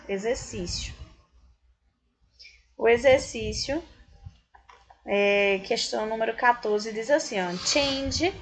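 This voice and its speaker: A woman's voice: a little high, slightly rough. A woman from Brazil with a Brazilian Portuguese accent, teaching an English grammar lesson in a patient, explanatory way, speaking directly to her students.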